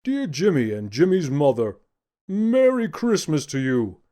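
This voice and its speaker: A man voicing an elderly, kindly but admonishing Santa with a measured delivery in a children's audiobook. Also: on the high side, wildly swooping pitch, mellow. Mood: jolly, apologetic. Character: stern, jolly old Santa Claus, elderly man.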